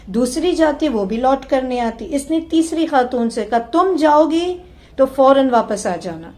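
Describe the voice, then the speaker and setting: A woman lecturer giving a religious sermon, telling a story and mixing English words into Urdu, ending in a slow, soft prayer. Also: high voice, animated.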